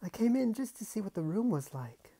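A defiant young girl, put on by a man in a raised, higher voice, urgent and pleading. Her words come loud and a little rough around the edges. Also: moderate pace. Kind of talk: audiobook character voice.

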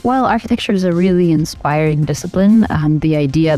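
A middle-aged Albanian woman with a low, dark-toned voice answers interview questions thoughtfully, using many fillers and restarts. She is a guest, an architect and program director.

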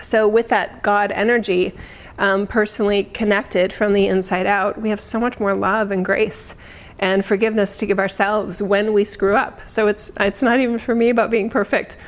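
Woman spiritual guide just talking, reflective, mid pitch, kinda halting and off the cuff. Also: little pitch movement. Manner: conversational, reflective, halting unscripted phrasing. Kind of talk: informal spiritual talk.

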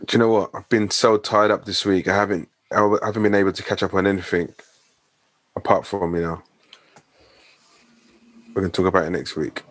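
A man with a fairly low voice takes part in a podcast as co-host. His talk is casual and conversational, and the recording is dry and close. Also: steady tone, a little fast, pauses often, a bit bright, no echo. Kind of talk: casual chat.

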